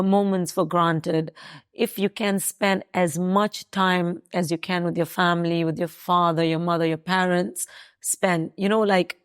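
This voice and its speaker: A woman in her thirties from South Africa, talking casually as an interview guest, hesitant with many fillers and restarts. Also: lowish voice.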